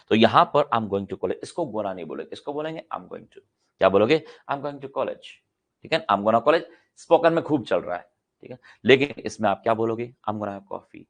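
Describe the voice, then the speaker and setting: A man's voice: on the low side, gravelly. A middle-aged man teaching English grammar in a classroom-style lecture. He asks questions and answers them himself, and he repeats example sentences several times for practice.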